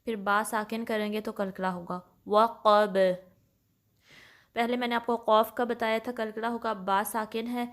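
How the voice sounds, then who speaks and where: A woman teaching Quran recitation rules, explaining each sound patiently, switching between Urdu and English and reciting examples slowly. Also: fairly high pitch, fairly even intonation. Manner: slows and recites Arabic examples louder. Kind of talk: tajweed lesson mixing Urdu and English.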